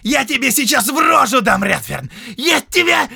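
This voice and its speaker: A shrieking spoiled young count. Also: male voice, high-pitched, very animated, takes it slowly, creaky, bright, forceful tone, no room sound, voice pushed up, heavily acted. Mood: raging. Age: young adult. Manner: shrieking, ranting. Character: spoiled young count, hot-tempered and shrill.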